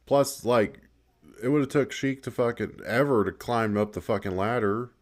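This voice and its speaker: A man's voice: mid-range voice, normal speed. A man giving casual gameplay commentary, swearing a lot, laughing often and rambling with restarts. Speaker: gaming video creator.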